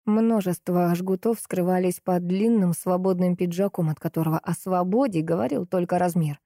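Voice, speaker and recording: A woman reading a novel aloud in the first person, with steady storytelling. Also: fairly low pitch, normal speed, no room sound, studio quality. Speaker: audiobook narrator.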